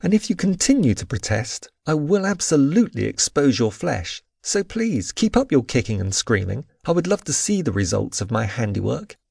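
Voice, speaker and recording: A man voicing a stern young warrior in an audiobook, firm, measured and authoritative. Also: mid-range voice, big pitch swings, creaky, a little mellow, breathy edge, no echo, studio quality, exaggerated voice. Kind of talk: audiobook character voice.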